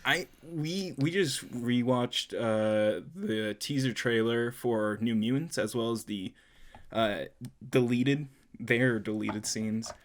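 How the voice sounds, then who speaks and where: A man's voice: mid-range voice, slow pace. Casual man hosting a podcast. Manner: loose, swears freely, laughs often. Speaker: podcast host. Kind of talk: casual chat.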